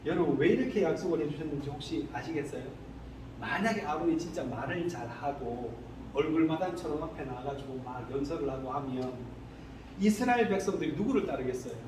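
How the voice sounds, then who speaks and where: Male pastor, sermon, high lively pitch, echoey room with faint hiss. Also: a little fast. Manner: animated, asks the congregation rhetorical questions. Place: church sanctuary. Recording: echoey hall, distant mic, faint noise.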